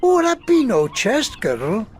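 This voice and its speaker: Sly old sailor. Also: male voice, very high-pitched, huge pitch swings, takes it slowly, husky, soft background music, full character voice. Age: older. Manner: pirate-style talk, dropped grammar. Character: evasive old shipless sailor man, guarded and sly.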